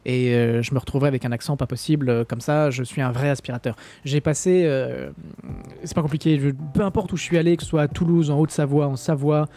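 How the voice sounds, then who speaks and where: Un streamer français sans accent qui commente un simulateur de vol en direct, lit le chat et plaisante, avec beaucoup d'hésitations. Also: male voice, on the high side, fairly even intonation, quick pace, dark tone. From France. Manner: chatty, joking, many hesitations. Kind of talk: live-stream flight sim commentary, reading chat.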